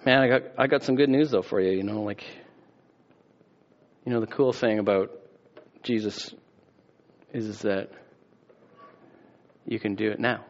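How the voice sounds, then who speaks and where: A man's voice: on the low side, measured pace, long pauses, dull audio. A man preaching a sermon as a pastor, casual and conversational, with rhetorical questions and a closing prayer.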